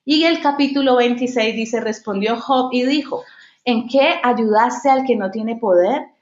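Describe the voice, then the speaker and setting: A woman's voice: on the high side, measured pace, a little mellow, echoey room, muffled recording. A woman leading a devotional Bible study for women, talking in a conversational way and telling personal stories. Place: at home.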